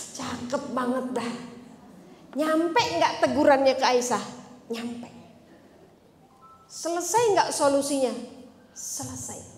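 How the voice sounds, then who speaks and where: A woman preacher, telling stories in a lively, chatty way and acting out the voices. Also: high voice, a little hiss or hum. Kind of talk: casual religious talk to women. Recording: echoey hall with faint ambience.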